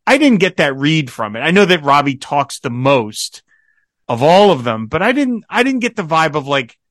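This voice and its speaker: A man hosting a podcast, chatting casually and telling rambling, animated stories with lots of fillers. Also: fairly high pitch, moderate pace, no echo, studio quality. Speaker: podcast host. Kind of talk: casual chat.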